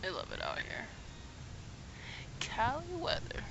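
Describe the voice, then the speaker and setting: A woman's voice: a little high, huge pitch swings, measured pace, dull audio. A young woman from the US East Coast chatting casually to a handheld camera at arm's length on a sunny beach, easygoing and trailing off with "I don't know". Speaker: vlogger. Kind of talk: casual vlog chat. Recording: loud beach wind and surf noise.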